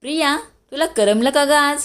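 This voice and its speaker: A woman voicing a gentle young husband in a storybook reading. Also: sits high, moderate pace, voice pushed up.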